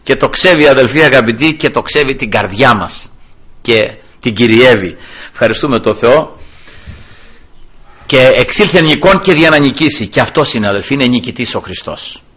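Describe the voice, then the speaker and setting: A man with a husky, mid-range, somewhat bright voice preaches an expressive, emphatic sermon, often calling out to the congregation as brothers. He rises sharply whenever he quotes scripture.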